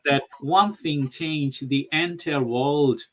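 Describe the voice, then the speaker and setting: A man's voice: fairly high pitch, fairly bright tone. A man from Bangladesh hosting an interview, asking long, earnest, rambling questions. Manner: rambling, earnest, halting phrasing. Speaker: podcast host. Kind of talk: interview conversation.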